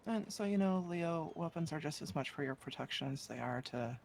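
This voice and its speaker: A woman in a western roleplay, escorting prisoners and giving calm, reassuring, brisk orders. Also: low-pitched, gravelly, slight background noise. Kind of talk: in-character western roleplay chat.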